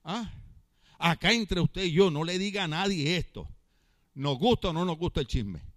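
A man preaching as pastor in church, asking his congregation questions, joking and shouting out drawn-out words for emphasis. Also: a little high, expressive, dry recording. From Latin America. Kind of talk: lively Pentecostal-style sermon.

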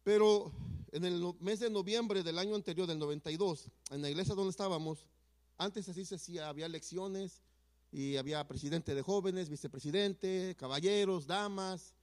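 High-voiced man giving testimony. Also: normal speed. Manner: earnest, swings from hushed to emphatic. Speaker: church member giving testimony. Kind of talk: personal testimony storytelling.

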